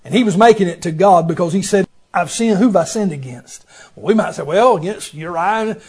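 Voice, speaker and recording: High-pitched preacher with a chanting cadence. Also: male voice, fairly quick, breathy edge. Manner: chanting preaching cadence, swings from hushed to shouting; peppers lines with "amen" and "boy". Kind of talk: impassioned sermon.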